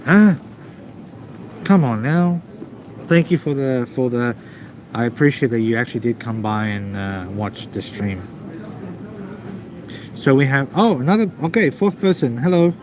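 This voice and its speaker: Male live streamer, mid-pitched, casual halting chat with viewers over noisy terminal ambience. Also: expressive, a little mellow. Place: busy airport waiting area. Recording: noisy airport background ambience.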